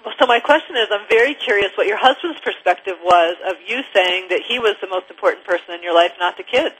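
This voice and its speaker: A woman co-hosting a radio talk show, enthusiastic and quick to agree. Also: medium pitch, fairly bright tone, low-quality recording. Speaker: co-host.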